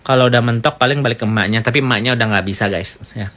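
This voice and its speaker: Bright-voiced chatty gossip man. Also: mid-range voice, very fast. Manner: chatty, rambling, animated. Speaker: gossip commentator. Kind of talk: casual gossip commentary.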